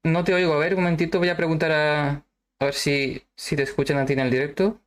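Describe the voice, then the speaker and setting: Over a video call, a female interviewer with a deep voice talks fast in a flat delivery. Her manner is still friendly and chatty, and she affirms her guest frequently in this casual conversation.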